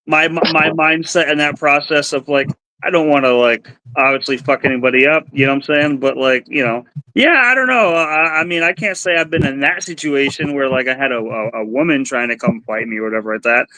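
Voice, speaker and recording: Guy who keeps going "i, i, i", bright sharp voice, no room echo at all. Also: medium pitch, brisk. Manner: stammering, repeats words while searching for them. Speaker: pro wrestler. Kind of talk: casual podcast chat.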